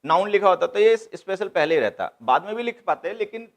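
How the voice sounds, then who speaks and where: A man teaching grammar in a slightly high voice. He breaks each rule down patiently and circles back to the main points. He lectures in the tone of a classroom. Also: expressive, brisk. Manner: explains step by step, repeats key points, mixes English terms into Hindi.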